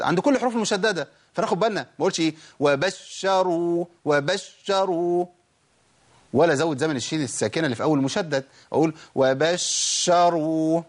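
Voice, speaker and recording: A man with an Egyptian accent teaching a tajweed lesson, drawing out example sounds and explaining briskly in conversational speech. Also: a little high. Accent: Egyptian Arabic. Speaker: Quran recitation teacher.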